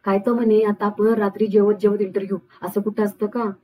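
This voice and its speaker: Female narrator recaps a serial in an even tone, close dry mic. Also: mid-range voice, fairly quick, slightly rough, no room sound, poor audio. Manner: even, steady retelling, reads characters' lines without distinct voices. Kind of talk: storytelling recap with quoted dialogue.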